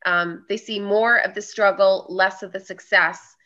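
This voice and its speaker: A woman's voice: medium pitch, fairly even intonation, a little slow. A woman hosting a podcast, speaking in an affirming way and stressing her points through repetition. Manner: warm, affirming, emphatic repetition. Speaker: podcast host. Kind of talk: casual interview chat. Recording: dull lo-fi audio.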